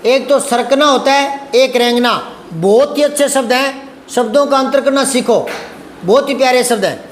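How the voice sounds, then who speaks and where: A man's voice: extremely high pitch, moderate pace, roomy sound, slight background noise. A man teaching a Hindi grammar lesson to a class, patient and repetitive, often asking the students if they understood. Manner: patient, repetitive, addresses students as beta, asks checking questions.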